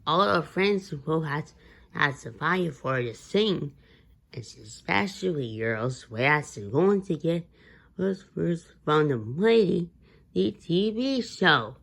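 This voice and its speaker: A woman voicing cartoon characters in a playful fan dub, with a halting, eager childlike delivery. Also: low-pitched, animated, gravelly.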